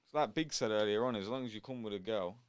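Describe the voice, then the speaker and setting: Lower-pitched young man, slangy. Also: quick pace, a little hiss or hum. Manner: slangy, repeats his phrases. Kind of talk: casual chat among friends.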